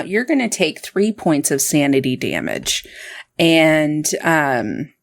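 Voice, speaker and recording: A woman running a tabletop horror game as game master, narrating deliberately. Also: low-pitched.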